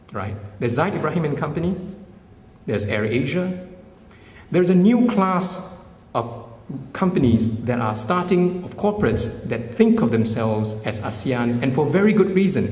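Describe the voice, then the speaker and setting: A man's voice: on the high side, big pitch swings, unhurried, darkish tone. A man giving a keynote speech at a summit, emphatic and often tagging his points with "right?". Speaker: summit speaker. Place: large conference hall. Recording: echoey hall, mic at a distance.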